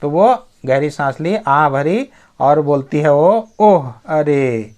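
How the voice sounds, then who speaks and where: A man teaching English, reading English story phrases slowly with an Indian accent and explaining them. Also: on the high side, lively intonation, a little mellow. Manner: slow, deliberate reading of English phrases, then quick glosses of meanings. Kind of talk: Hindi explanation of an English story, read line by line.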